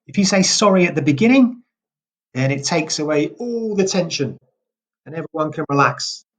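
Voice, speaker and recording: A British man from England giving an English pronunciation lesson, speaking slowly and deliberately and repeating example words clearly. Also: on the high side, animated. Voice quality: slow and deliberate, drawing out words for emphasis.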